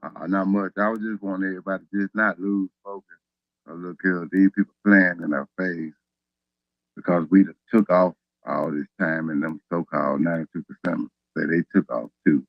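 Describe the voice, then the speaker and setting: A deep-voiced male caller speaks calmly and steadily, pressing his points. The call audio is dull and lo-fi and sounds dry. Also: moderate pace, creaky, no room sound. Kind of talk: casual call-in chat.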